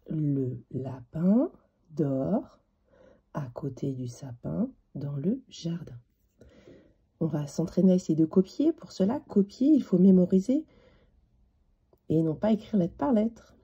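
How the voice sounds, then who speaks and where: Patient woman teaching handwriting, dark and husky. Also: medium pitch, muffled recording. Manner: slow, patient, spells out each letter while writing. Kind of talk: handwriting lesson for young children.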